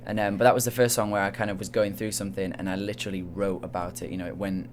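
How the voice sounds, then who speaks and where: A man's voice: on the low side, level tone, racing, noisy background. A young man with a Manchester accent, a soul singer talking in a casual interview, hesitant and full of fillers. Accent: Manchester English. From England. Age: young adult. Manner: soft-spoken, hesitant, lots of fillers.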